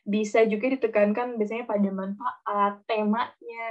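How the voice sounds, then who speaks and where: A woman teaching public speaking in a casual online lesson, talking in a chatty, lively way, tossing in English words and acting out examples. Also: medium pitch, moderate pace, faint music behind. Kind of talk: casual webinar lesson with spoken demonstrations. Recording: dull lo-fi online audio.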